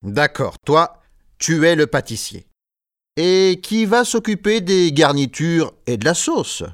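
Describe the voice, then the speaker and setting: A man's voice: a little high, very animated, takes it slowly, no echo, clean studio sound. A man playing a stern head chef who gives orders to his kitchen brigade in a scripted textbook dialogue. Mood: firm. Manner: firm, commanding.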